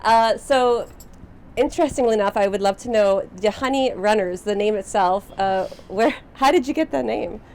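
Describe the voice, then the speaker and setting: A woman's voice: medium pitch, moderate pace, a little mellow, a little hiss or hum. A woman interviewing a band in a casual chat on a rooftop, laughing often. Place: outdoor rooftop.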